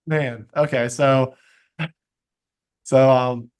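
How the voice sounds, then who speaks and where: A man of middle pitch hosting a podcast interview. He talks in a casual, upbeat way, full of "like" and "um". His voice sits in an ordinary register. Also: fairly even intonation, drawn-out words, a little mellow, smooth. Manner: casual, upbeat, many "like" and "um" fillers. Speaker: podcast host.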